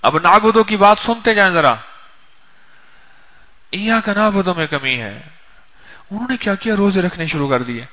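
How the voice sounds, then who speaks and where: A man's voice: high voice, pauses often. A male preacher telling a story in a sermon, speaking straight to his listeners. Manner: animated, addresses listeners directly. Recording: dull lo-fi recording.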